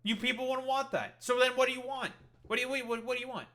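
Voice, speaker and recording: Bright, sweary young-sounding man ranting. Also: very high-pitched, steady tone, fast talker. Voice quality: heated, sarcastic, swears constantly. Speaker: streamer reacting to videos. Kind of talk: profane rant commentary.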